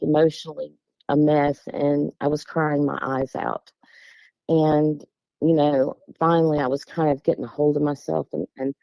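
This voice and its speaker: Speaking with a deep, gravelly, warm voice, this middle-aged woman from West Virginia rambles casually through a personal story in her Appalachian accent. It's a dry, dull lo-fi recording made up close.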